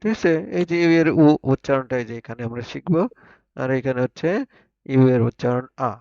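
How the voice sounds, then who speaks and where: A man teaching an online pronunciation class, sounding out words slowly and having students repeat them. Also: medium pitch, warm tone, no echo. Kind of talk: online spoken English class. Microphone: online video call. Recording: dull lo-fi online call audio.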